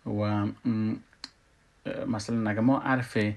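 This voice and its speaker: A man with an Afghan Dari accent teaching a Quran recitation lesson, pausing often with filler sounds and loudly sounding out letters and vowels. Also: on the low side, steady tone. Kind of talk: tajweed lesson.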